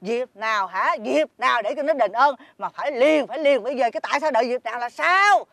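A woman's voice: high-pitched, lively intonation, fast talker, vocal fry, a bit bright, no room sound, heavily acted. A woman with a Southern Vietnamese accent playing an older fisherman's greedy wife who scolds and makes demands. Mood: scolding. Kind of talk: fairy-tale drama acting.

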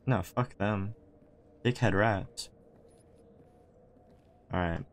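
A man's voice: lowish voice, very slow. A young man chatting casually while playing a co-op game, laid-back, joking and swearing often. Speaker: co-op gamer. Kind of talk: casual gaming chat.

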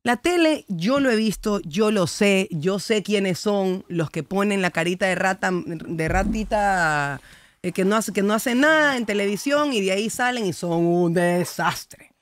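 A young woman with an Ecuadorian accent, chatting as a guest on a podcast and telling stories in a lively, slangy way. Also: medium pitch, unhurried. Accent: Ecuadorian Spanish. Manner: lively, animated storytelling with slangy asides. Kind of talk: casual interview chat.

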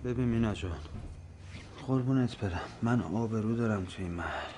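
A man's voice: lowish voice, darkish tone, slight background noise, close to an everyday voice. An actor playing a jealous husband who presses his wife with agitated questions about his standing. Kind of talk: film acting.

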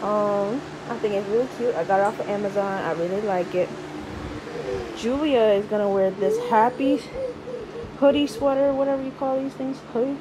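A woman's voice: medium pitch, moderate pace. A young woman talks casually at home on a family vlog, her voice scratchy from the morning. She is chatty and laughs often as she shows off outfits and packing. Faint noise sits behind her voice. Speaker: family vlogger.

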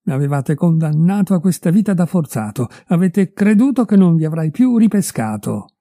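A man's voice: on the high side, sing-song, normal speed, mellow, no room sound, voice pushed up. A man voicing a bitter, wronged middle-aged husband who accuses his wife in a raised, heated voice, in a dry, close recording. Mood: furious, accusing.

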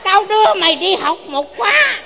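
A woman's voice: very high-pitched, very animated, normal speed, vocal fry, bright, forceful tone, a little hiss or hum, exaggerated voice. A woman playing a bossy old grandmother who scolds her grandson in a live stage comedy sketch. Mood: scolding.

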